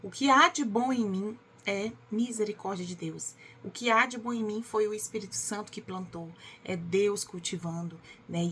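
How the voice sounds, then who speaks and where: A woman's voice: mid-range voice, sharp tone, a little hiss or hum. A woman who reads and reflects on a Bible passage in a chatty, devotional way and often asks for agreement. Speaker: Bible teacher.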